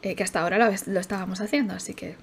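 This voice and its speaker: A woman's voice: mid-range voice, fairly even intonation, rapid-fire, creaky, a little hiss or hum. A young woman, casually commentating her gameplay, chatty and swearing, often laughing and chanting repeated words. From Spain. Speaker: streamer.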